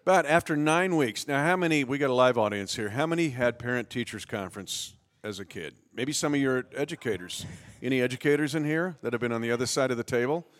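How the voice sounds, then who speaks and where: Middle-aged dude on sports radio, folksy, cracking jokes with the crowd. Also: male voice, mid-range voice, expressive, fast talker, few pauses. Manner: folksy, joking, talks to the audience. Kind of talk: casual sports chat. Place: studio with live audience.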